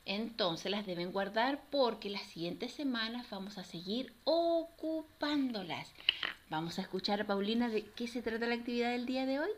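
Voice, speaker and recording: A woman's voice: fairly high pitch, slight background noise. A woman teacher presenting a children's lesson, stretching out words and syllables in a sing-song, encouraging manner. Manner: slow, sing-song, exaggerated syllables for kids.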